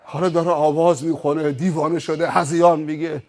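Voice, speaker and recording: A male preacher giving a sermon, telling stories with rhetorical questions. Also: on the high side. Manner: animated storytelling with rhetorical questions.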